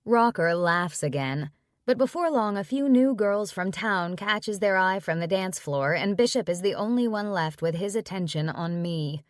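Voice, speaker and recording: A woman narrating a romance audiobook in the first person, in a measured, steady reading. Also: mid-range voice, dry recording, clean studio sound.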